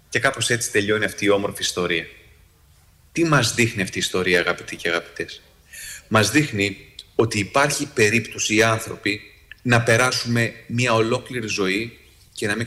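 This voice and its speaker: The psychologist recounts a story before an audience with real liveliness. He keeps restarting his sentences and shifts his pitch sharply to act out what others said.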